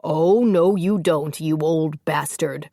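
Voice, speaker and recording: Woman narrator as a gruff male veteran fighter, blunt, mocking, low-toned. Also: takes it slowly, mellow, no echo, clean studio sound, heavily acted.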